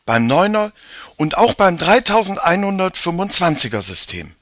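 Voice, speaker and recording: A man voicing Mia, a clever, excitable young girl who eagerly points things out. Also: sits high, normal speed, no room sound, clean studio sound, voice pushed up.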